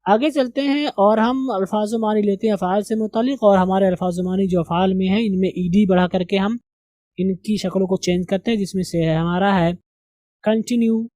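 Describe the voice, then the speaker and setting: A man teaching English as a classroom lesson, slowly and deliberately drilling the pronunciation of words. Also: high voice, fairly even intonation, dark tone, no echo.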